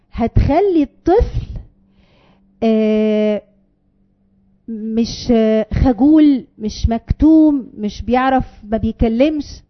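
A woman's voice: high-pitched, dull audio. A woman with an Egyptian Arabic accent gives a parenting advice talk to an audience, earnest and explaining, with many fillers. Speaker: parenting speaker.

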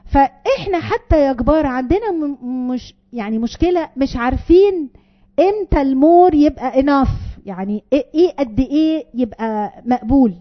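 A woman's voice: high voice, animated, moderate pace, highs cut off. A woman with an Egyptian Arabic accent gives a parenting advice talk to an audience, earnest and explaining, with many fillers. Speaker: parenting speaker.

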